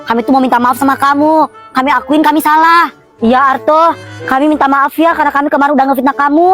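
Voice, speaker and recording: Casting: woman playing a high-voiced apologetic schoolgirl, coaxing, faint music underneath. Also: steady tone, quick pace, a bit bright. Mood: pleading. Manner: pleading, coaxing. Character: apologetic teenage girl from a school clique. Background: background music.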